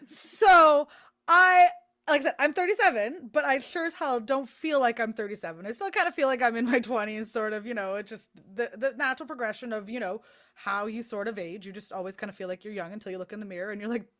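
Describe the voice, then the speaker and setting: A woman in her thirties co-hosting a podcast, telling stories in a casual, animated way and swearing freely. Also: a little high, quick pace. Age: 30s. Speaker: podcast co-host. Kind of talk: casual chat.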